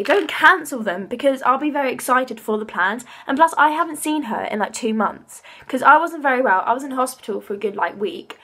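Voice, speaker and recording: Young woman, 18, high voice, tearful rambling vlog vent with casual swearing. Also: a bit bright. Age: young adult. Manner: emotional, rambling, swears freely. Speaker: vlogger. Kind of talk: casual venting to camera.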